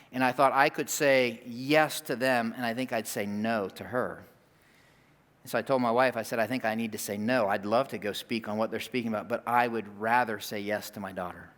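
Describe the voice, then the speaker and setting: A middle-aged man delivers a sermon, speaking to his congregation in a relaxed, conversational voice at a middle pitch. He tells stories with asides like he's chatting with friends. His voice rings out with the long reverb of a large hall. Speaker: pastor.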